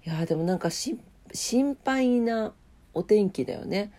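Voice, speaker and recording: Speaking at a moderate pace, a woman with a medium-pitched, warm, animated voice sounds nasal, congested and drowsy. She's the host of a daily morning show about weather and today in history, chatting casually as she reads weather and trivia notes in a sleepy, unpolished manner.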